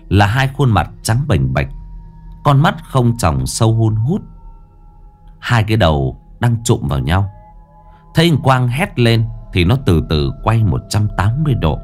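A man narrating a horror story expressively, building suspense. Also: fairly low pitch. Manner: expressive, rising and falling for suspense.

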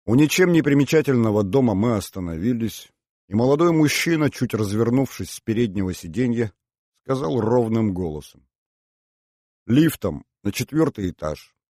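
A man narrating an audiobook in a measured, even storytelling manner. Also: medium pitch, dry recording, clean studio sound.

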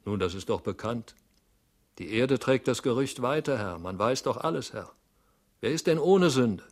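A man's voice: medium pitch, lively intonation, normal speed, darkish tone. A man voicing a blunt gossipy servant. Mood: knowing. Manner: blunt, deferential, matter-of-fact. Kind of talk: audiobook reading.

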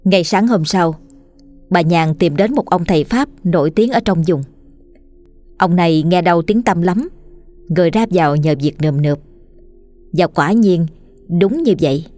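A woman reading a scripted horror story in a steady, suspenseful way. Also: fairly low pitch, normal speed, long pauses, no echo. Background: faint music.

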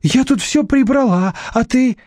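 Storybook landlady, whiny and coy, read by a man, pitched high, close dry mic. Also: measured pace, a little mellow, no echo. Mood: coy whining. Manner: whiny, feigned innocence. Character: brash chatty woman flat owner, gap-toothed.

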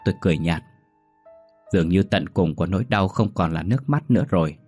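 A man reading a ghost story aloud in a slow, somber, measured manner. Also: low-pitched, expressive, darkish tone, slightly rough, soft background music. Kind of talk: scripted ghost story narration.

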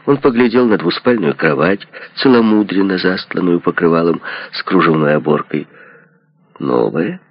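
A man narrating an audiobook in a measured, lively reading. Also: low-pitched, no echo. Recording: dull lo-fi recording.

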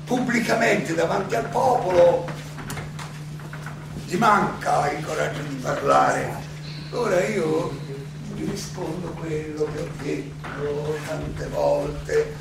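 A man playing Socrates, an aging Athenian philosopher defending himself in a theatrical monologue, halting and rhetorical, in an echoey, noisy recording made from a distance. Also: high-pitched, gravelly, exaggerated voice. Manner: halting, rhetorical, addressing judges with pauses and repetitions.

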